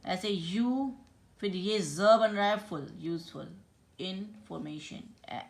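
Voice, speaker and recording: A woman's voice: medium pitch, animated. A woman teaching a grammar lesson, explaining step by step and spelling words out letter by letter. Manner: explains slowly, spells words out letter by letter, often checks with "theek hai". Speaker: English teacher.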